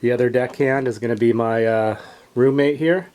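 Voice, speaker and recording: A man's voice: mid-range voice, fairly even intonation, normal speed, a little mellow. A man talking casually to camera as a travel vlogger, giving updates on his trip. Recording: faint background noise on location.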